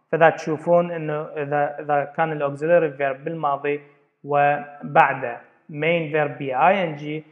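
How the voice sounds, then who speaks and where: A man teaching an English grammar lesson, explaining step by step and repeating words as he goes. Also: on the high side. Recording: dull lo-fi recording.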